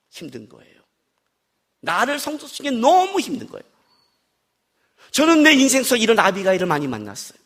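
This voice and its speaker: A man's voice: very high voice, sharp tone. A middle-aged man preaching an expository sermon at a worship service, telling stories and acting out his wife's replies. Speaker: pastor.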